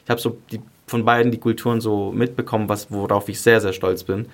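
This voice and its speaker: Talking quickly in a lowish, gravelly voice with fairly even intonation, this early-twenties podcast guest from Greece and southern Germany is candid and casual. The singer and song contest contestant uses youthful slang and repeats himself for emphasis in the interview chat.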